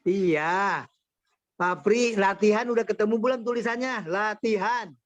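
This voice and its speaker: A man's voice: high voice, unhurried, no echo. A man teaching an Arabic class over a video call, patiently quizzing his students by name. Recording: muffled video-call audio.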